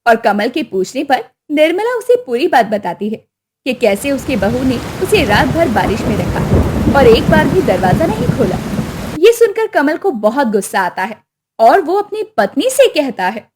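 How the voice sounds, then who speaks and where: A woman narrating a scripted moral story in an even storytelling way. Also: sits high, moderate pace, very noisy.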